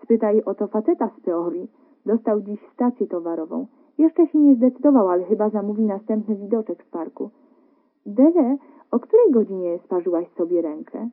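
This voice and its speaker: A woman voicing a cheerful, tender young male painter in a radio story reading, talking in a lively, eager way. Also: medium pitch, normal speed. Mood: teasing. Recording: narrow phone-like radio broadcast.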